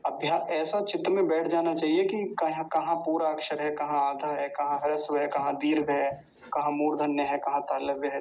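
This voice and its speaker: A man teaching Sanskrit mantra pronunciation in a class, patiently repeating each word slowly. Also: a little high, darkish tone. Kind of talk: online class lesson, slow word-by-word drilling. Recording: dull lo-fi sound with faint noise.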